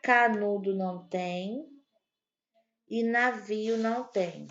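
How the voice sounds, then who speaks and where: A woman teaching an online grammar lesson to young children, slow and patient, spelling out each word. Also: medium pitch, fairly bright tone, lo-fi sound. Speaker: primary school teacher.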